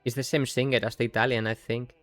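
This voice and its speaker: A man's voice: mid-range voice, little pitch movement, fast, a bit bright, dry recording, faint music behind. A man with a Yorkshire accent, chatting casually while streaming a game, rambling and breaking off mid-sentence. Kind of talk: casual live-stream commentary.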